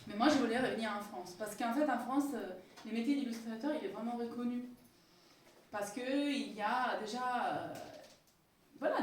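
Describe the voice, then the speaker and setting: A woman's voice: on the high side, slight background noise. A woman from Italy speaking with an Italian accent, giving a hesitant, casual talk full of fillers as an author-illustrator. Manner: hesitant, many fillers and restarts. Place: community hall with audience. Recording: echoey hall from far off.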